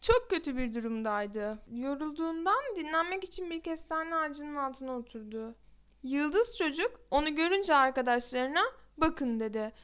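A woman reads a fairy tale aloud in a high, clear voice. Her storytelling is measured and expressive, paced for listeners following along. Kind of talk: storybook narration.

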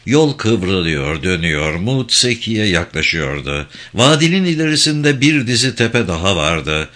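A man narrating an audiobook in an expressive reading style. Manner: expressive reading with wide pitch swings.

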